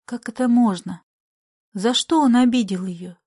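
Woman reading an audiobook story, slightly high voice, measured and expressive. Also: husky. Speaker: narrator. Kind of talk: literary audiobook narration.

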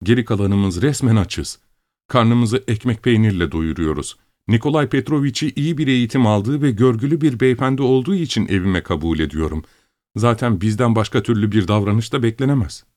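A man's voice: on the low side, expressive, brisk, darkish tone, dry recording, clean studio sound, voice pushed up, natural voice. A man voicing a distraught, tearful young woman who protests indignantly, in an audiobook story. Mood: tearful defiant. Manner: sobbing, indignant outbursts.

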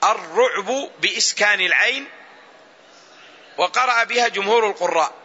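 A man, an Islamic scholar, giving a recorded lesson on Quran exegesis and explaining each word slowly with repeated phrases. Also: high voice, animated, sharp tone, breathy edge. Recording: dull lo-fi recording.

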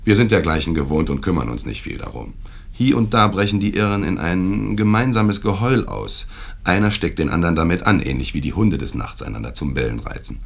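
A man's voice: low voice, expressive, fairly quick, full character voice. A man voicing a suave, evasive asylum director. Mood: smooth. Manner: smooth, insistent, courteous yet brusque when crossed. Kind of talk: dramatic reading of a classic tale.

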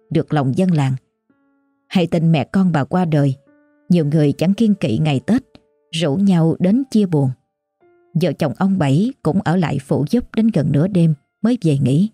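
A woman narrating a scripted ghost story in a measured, somber way. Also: low-pitched, dark tone, slightly rough, dry recording. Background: faint music.

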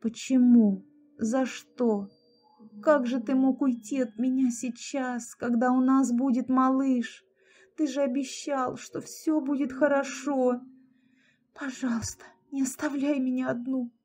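A woman voicing a bitter, grieving young pregnant woman who shouts in fury and whispers in grief, in an audiobook reading. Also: high-pitched, steady tone, a little slow, pitched above the performer's own voice. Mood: whispering.

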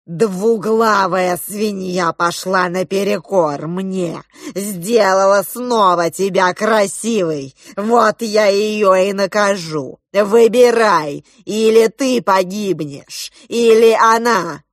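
A woman doing a slow, gloating crab villain. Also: mid-range voice, no room sound, clean studio sound. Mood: menacing. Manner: slow, loud, drawn-out menacing delivery.

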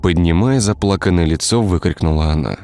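A man narrating a dark village tale in a scripted storytelling style. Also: deep voice, brisk, slight background noise. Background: faint music.

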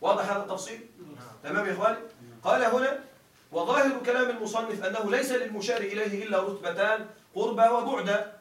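A man's voice: sits high, quick pace, fairly bright tone, roomy sound, far from the mic, poor audio. A male teacher gives a grammar lecture. He reads a classical text aloud, explains it, and keeps checking that his listeners follow.

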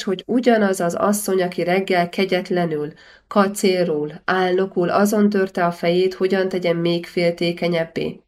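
A woman narrating a historical novel audiobook in a measured, expressive storytelling manner. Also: on the low side. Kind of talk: scripted narration.

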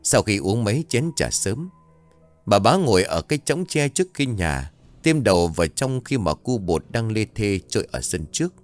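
A man narrating a ghost story in a dramatic, expressive storytelling manner. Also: lowish voice, moderate pace, dry recording, soft background music.

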